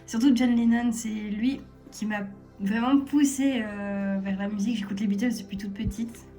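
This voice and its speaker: A young woman vlogs from a table at home, chatting casually to the camera with giggles and self-deprecating remarks. Her voice is a little high and steady in tone, at a moderate pace, with faint, soft music playing underneath.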